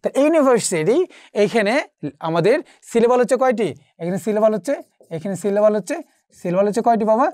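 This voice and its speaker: A woman's voice: medium pitch, lively intonation, fast talker, darkish tone, dry recording, clean studio sound. A woman teacher giving an exam-prep lecture. She keeps asking her students rhetorical questions and repeating the answers.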